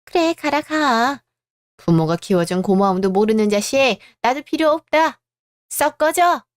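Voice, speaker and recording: Shrill old mother, nagging, as a woman voices her. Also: expressive, normal speed, darkish tone, no echo, clean studio sound, close to an everyday voice. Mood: furious. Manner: scolding, nagging. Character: shrill elderly mother favoring her elder son.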